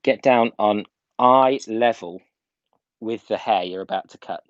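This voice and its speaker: A man's voice: on the low side, measured pace, no echo, dull audio. A man working as a hairdressing instructor gives an informal, step-by-step live tutorial, repeating key points for emphasis. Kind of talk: live video tutorial, casual step-by-step demonstration. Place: indoors at home.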